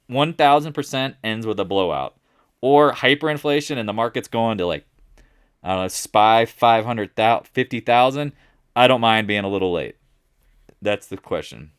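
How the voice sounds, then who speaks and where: A man with a lowish voice talks through his market charts in a loose, chatty way. He jokes, trips over his words and backtracks often. The sound is dry and close, with no room around it. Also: a bit bright, clean tone, no echo. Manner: rambling, self-correcting, jokey. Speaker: market commentator. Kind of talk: casual market recap.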